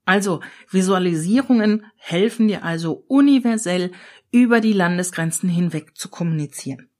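Speaking at a normal speed with a fairly low-pitched voice, this middle-aged German podcast host and change consultant talks straight to her listener, laying out ideas with energetic, coach-like enthusiasm on her solo show.

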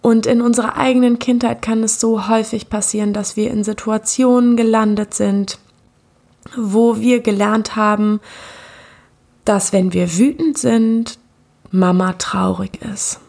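Slow, gravelly woman coach speaking earnestly. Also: a little high, fairly even intonation, darkish tone. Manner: slow, earnest, repeats words for emphasis. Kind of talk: reflective monologue on self-worth.

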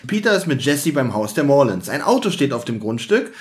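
A man co-hosting a casual podcast, chiming in with quick jokes and short remarks. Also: medium pitch, very animated. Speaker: podcast co-host. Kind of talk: casual chat recapping an audio drama.

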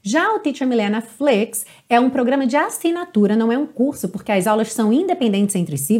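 A Brazilian woman with a somewhat high voice gives an online English lesson. She speaks in an upbeat, clear way and slows right down when she models English words. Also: a little mellow. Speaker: English teacher.

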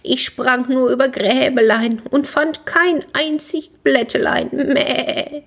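A woman's voice: sits high, fairly even intonation, takes it slowly, gravelly, fairly bright tone, pitched above the performer's own voice, heavily acted. A woman voicing a sly, lying goat that bleats its rhymes in a sing-song. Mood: bleating.

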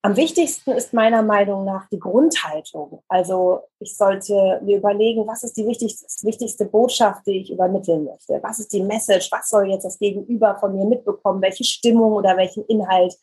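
A woman who works as a voice coach and news presenter, calmly explaining speaking exercises in an interview. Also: mid-range voice, moderate pace, hardly any pauses, breathy edge, poor audio. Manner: calm, explanatory, demonstrates exercises.

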